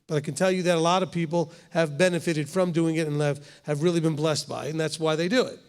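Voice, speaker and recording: Leading his congregation's Torah study, a rabbi in his fifties speaks at a quick pace with fairly even intonation in a clean voice on the high side. His style is conversational, punctuated by "okay?", and the hall gives a big-room sound.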